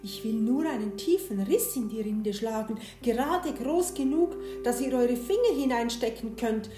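A woman voicing a clever young shepherd boy who talks high and eager, in a roomy space with soft guitar behind. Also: expressive, moderate pace, close to an everyday voice. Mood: explaining.

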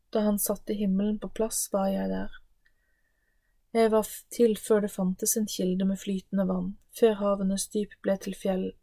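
Ancient personified Wisdom, voiced by a woman in a scripture reading, proclaiming in a solemn, declaiming manner. The delivery is level with little melody, mellow and dry. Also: mid-range voice, no echo, natural voice.

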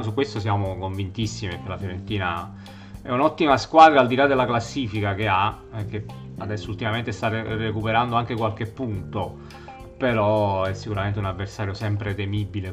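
A man co-hosting a casual football chat, friendly and quick to agree. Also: on the low side. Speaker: co-host of a football show.

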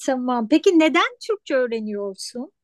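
Woman host, high-pitched, casual interview questions, dry close sound. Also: sing-song, measured pace, no echo.

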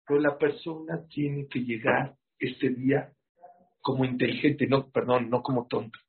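Man, sermon, rhetorical questions, very husky voice, muffled lo-fi recording. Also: mid-range voice, unhurried. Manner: rhetorical questions, animated and emphatic. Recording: muffled lo-fi sound.

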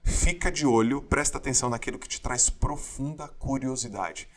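A man's voice: medium pitch, moderate pace. A man in his forties, a former swimmer, telling stories in a casual interview and acting out the voices of people he quotes. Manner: animated storyteller, acts out quotes.

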